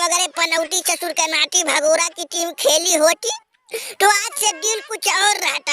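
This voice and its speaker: A man doing a shrill blustering cricket scold. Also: exaggerated voice. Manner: shouting, scolding. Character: scolding male cricket rival, bossy and blustering. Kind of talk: comedic dubbed sketch. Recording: noisy recording with clicks.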